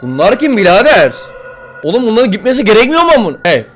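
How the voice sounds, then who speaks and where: A young man playing a horror game, swearing, joking and yelling at the game as he comments. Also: high voice, big pitch swings, quick pace, faint music behind. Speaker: gaming YouTuber.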